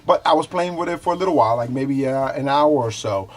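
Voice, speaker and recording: Demonstrating products on his casual review show, a man chats with viewers and repeats himself loosely along the way. He talks fast in an animated, mid-range voice.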